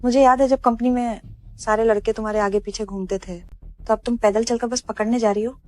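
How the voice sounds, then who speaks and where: A woman's voice: on the high side, fairly even intonation, brisk, a little mellow, natural voice. A woman playing a snooty, boastful ex-colleague. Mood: mocking. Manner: mocking, condescending. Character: snobbish young female ex-coworker, boastful. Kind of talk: dubbed drama dialogue.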